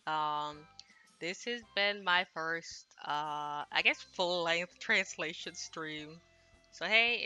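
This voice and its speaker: Her voice sits on the low side and has a sharp tone. Translating a Japanese visual novel on a livestream, this woman chats casually into a headset, rambling, self-deprecating, and apologetic.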